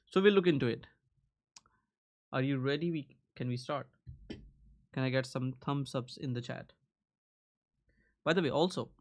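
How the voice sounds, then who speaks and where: A man's voice: mid-range voice, darkish tone. A man hosting a live coding stream, chatting casually with his viewers. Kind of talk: casual livestream chat.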